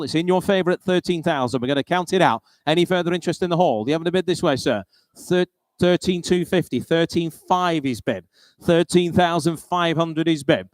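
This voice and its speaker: A British man working as an auctioneer, calling live bids and repeating the figures in a steady auction patter. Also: fairly high pitch, no room sound.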